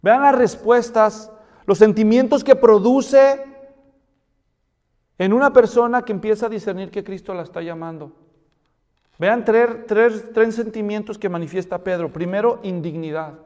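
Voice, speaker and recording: A man delivers a sermon in a somewhat high voice that rises to emphatic peaks. He asks his listeners question after question. His voice rings with the long reverb of a large hall. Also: measured pace, a little mellow. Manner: preaching with rising emphatic peaks and rhetorical questions. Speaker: pastor.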